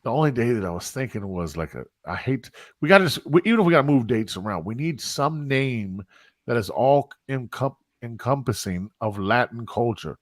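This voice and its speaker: A man hosts a live-streamed podcast in a loose, talkative way, jumping in and doubling back on his words with lively energy. His voice sits mid-range and the sound is dry and close, with no room around it. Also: mid-range voice, normal speed, no room sound. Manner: animated, interrupts and repeats himself. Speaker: podcast host. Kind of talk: casual chat.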